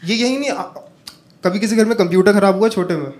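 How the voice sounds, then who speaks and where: A man from northern India performs stand-up comedy on a stage before a live audience, his high voice moving fast. He tells stories in an animated way and talks with the crowd.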